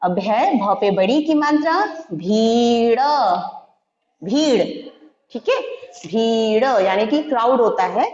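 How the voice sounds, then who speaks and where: A woman teaching young children, slow and patient, spelling out each syllable one by one. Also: fairly high pitch, lively intonation, darkish tone. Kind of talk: Hindi alphabet lesson for young children. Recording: echoey room, dull lo-fi sound.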